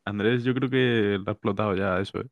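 A man's voice: lowish voice, fairly even intonation, a little fast, creaky, no echo, highs cut off. A man from co-hosting a casual comedic podcast, making wry, ironic asides. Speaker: podcast co-host.

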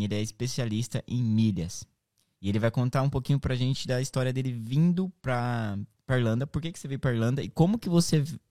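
A man hosts a chatty podcast with an accent from Brazil's São Paulo interior. His voice is cracked, reedy and hoarse, and he talks in a slangy, animated storytelling way. The sound is dry and close. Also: mid-range voice, dry recording. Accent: Brazilian, interior São Paulo state. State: hoarse from shouting. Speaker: podcast host.

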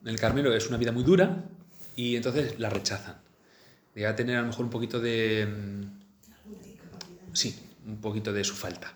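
A man's voice: lowish voice, normal speed, long pauses. A man telling a saint's life, reading passages and chatting about them with many fillers and restarts. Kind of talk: storytelling talk mixing reading and comment. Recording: roomy echo.

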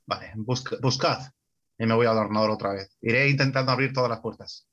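A man's voice: mid-range voice, steady tone, fairly quick, a bit bright, lo-fi sound. A man from playing a tabletop role-playing game, insistent and impatient in character. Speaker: player.

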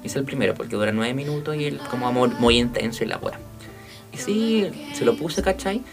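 A man with a Chilean accent, chatting as podcast co-host and telling a story in a slangy, animated way. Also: medium pitch, brisk, vocal fry, music in the background. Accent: Chilean Spanish. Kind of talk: casual chat, storytelling.

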